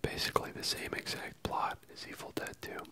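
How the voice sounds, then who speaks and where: Someone whispering softly and closely from ear to ear, giving a casual ASMR film review with hesitant pauses. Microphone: close stereo microphone, ear-to-ear panning.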